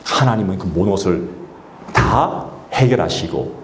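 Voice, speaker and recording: Male pastor, sermon, lively rising and falling pitch, echoey church hall. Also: unhurried, a little hiss or hum. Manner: exhorting, calls for congregation responses. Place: church sanctuary.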